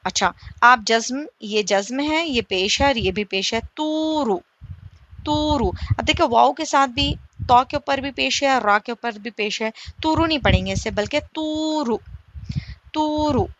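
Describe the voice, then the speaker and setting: A woman teaching a slow recitation lesson. She asks her listeners questions, answers them herself, and stretches the example vowels out slowly. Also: on the high side, a bit bright, highs cut off, a little hiss or hum. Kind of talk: slow step-by-step tajweed lesson.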